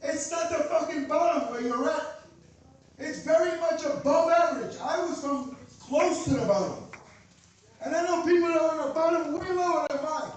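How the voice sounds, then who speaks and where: A man from Queens with a Queens New York accent, delivering an animated, profane comedic rant in punchy, repeated phrases and rhetorical questions. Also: very high voice, moderate pace, a little hiss or hum. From Queens, New York, USA. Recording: very echoey room, distant mic.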